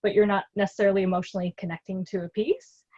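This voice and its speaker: A woman's voice: medium pitch, steady tone, racing, darkish tone. Chatty female interviewer on dull audio. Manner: chatty, empathetic, relating own experience. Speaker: interviewer, fellow singer. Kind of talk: casual conversational interview.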